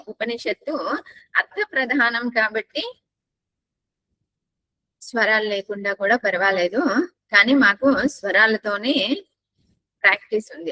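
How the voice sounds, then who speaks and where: A woman teaching a class, who chants verses slowly, repeats each line, then explains the tone marks in plain speech. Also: on the high side, bright, forceful tone. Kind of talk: class on reciting a scripture with its commentary.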